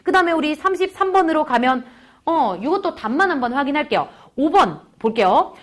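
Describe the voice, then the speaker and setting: Lively high-voiced woman tutor. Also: brisk. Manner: retells the story in quoted dialogue, switching voices for each character; addresses students directly as kids. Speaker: Korean literature tutor. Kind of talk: lecture on a classical novel.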